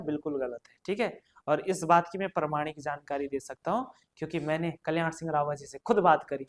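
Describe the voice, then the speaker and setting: A man teaching an exam prep lesson, quizzing students and repeating each question and answer, chatty and addressing them directly. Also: on the high side. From Uttarakhand, India.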